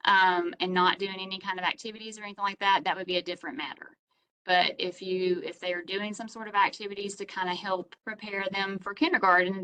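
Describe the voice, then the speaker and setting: A woman's voice: mid-range voice, sharp tone, smooth, poor audio. A woman hosting online office hours, explaining grant application rules over a video call in a conversational, step-by-step way.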